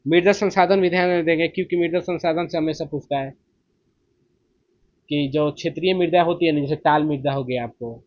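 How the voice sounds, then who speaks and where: A man's voice: a little high, fairly even intonation, a little fast, no echo. A man teaching an exam-prep lesson in a casual, chatty way, tagging "theek hai" onto each point. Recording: slightly muffled dry recording.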